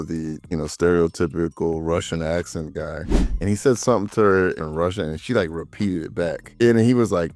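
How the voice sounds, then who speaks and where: A man co-hosting a casual film discussion, retelling scenes with animated swings for quoted reactions. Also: low-pitched, creaky, dry recording. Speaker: film review co-host.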